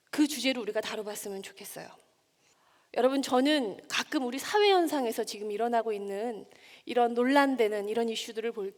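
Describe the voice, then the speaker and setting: A woman in her forties giving a public talk to a live audience, engaging them with questions. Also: on the high side. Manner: warm, engaging, asks the audience questions and acts out scolding lines. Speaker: speaker giving a stage talk. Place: lecture hall stage. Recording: long reverb of a hall.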